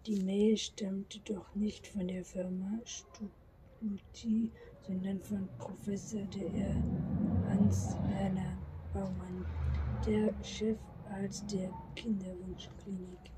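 A woman reading a novel aloud in a soft, often whispered voice, halting now and then, recorded from a distance with audible background noise. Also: mid-range voice, flat delivery. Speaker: reader.

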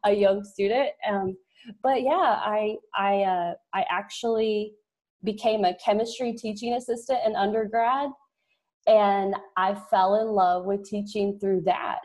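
A woman from rural southeast Oklahoma, a school intervention facilitator, talking about her career as a guest in a casual podcast interview, chatty and quick to laugh. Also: medium pitch, fairly even intonation, a little mellow. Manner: chatty, laughs often, trails off.

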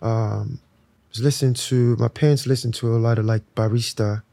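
Relaxed young guest from Nigeria, mellow, gravelly tone, easygoing interview talk. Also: male voice, mid-range voice, moderate pace, no echo. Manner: relaxed, reflective, filler-heavy. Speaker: musician guest.

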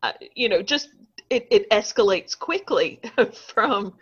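A woman's voice: mid-range voice, lively intonation, slow, a bit bright, slightly rough, lo-fi sound. A woman co-hosting a casual chat, laughing often and poking fun at herself. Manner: chatty, laughs often, self-deprecating. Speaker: podcast co-host.

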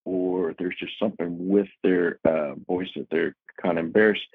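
A man's voice: low voice, fairly even intonation, moderate pace, husky, no room sound. A man giving a casual, chatty talk to a technology user group, explaining features with frequent fillers. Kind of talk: casual presentation. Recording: tinny phone-like audio.

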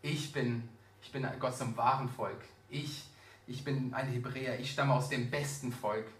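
A preacher voicing an indignant, proud prophet. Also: male voice, mid-range voice, fairly even intonation, normal speed, a bit bright, pitched below the performer's own voice, lightly acted. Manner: bitter, indignant outbursts. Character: proud, angry adult male prophet. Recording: roomy echo, distant mic.

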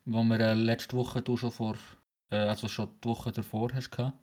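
A man's voice: mid-range voice, flat delivery, normal speed, darkish tone. A teenage male podcast host with a Swiss German accent chats casually. He talks with braces, so his articulation is a little hindered, and he rambles along with plenty of hesitations. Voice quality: talking with new braces, slightly hampered articulation.

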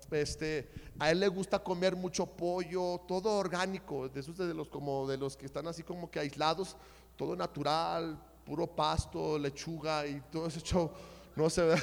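A middle-aged Mexican man preaching, telling a story in a lively way and acting out arguments with shouts. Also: high voice, vocal fry. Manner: animated, acts out family quarrels with shouts. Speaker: pastor. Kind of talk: storytelling sermon. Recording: reverberant hall sound.

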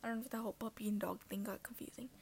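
A woman's voice: mid-range voice, steady tone, rapid-fire, creaky, a little mellow, a little hiss or hum. A woman hosting her own podcast, rambling and self-conscious, often dropping into a half-whisper. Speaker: podcast host. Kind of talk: casual solo talk.

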